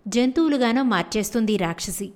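A woman's voice: fairly high pitch, animated, quick pace, close to an everyday voice. Woman doing a kindly storybook parrot. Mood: hushed, kindly. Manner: gentle, soothing and warning. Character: kind talking parrot, really an enchanted girl.

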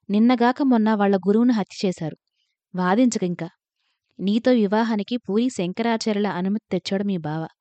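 A woman's voice: medium pitch, dark tone, dry recording, lightly acted. A woman reading the lines of a weary, remorseful older scholar father, grave and pleading. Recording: dull lo-fi recording.

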